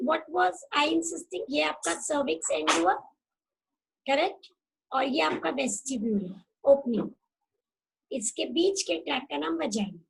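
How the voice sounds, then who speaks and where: Slow, high-voiced woman teaching. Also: gravelly, noisy background. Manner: patient, repeats key terms and checks understanding. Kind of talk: online class lecture mixing Hindi and English.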